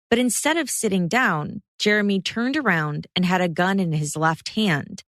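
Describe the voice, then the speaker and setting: Low-voiced woman narrating true crime. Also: no room sound, clean studio sound. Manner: measured, steady recap. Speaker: podcast host.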